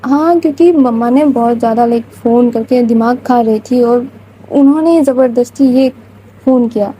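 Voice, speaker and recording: A woman voicing a gentle, soothing young woman in love who pleads softly and slowly. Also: a little high, a little hiss or hum, lightly acted, poor audio. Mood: explaining.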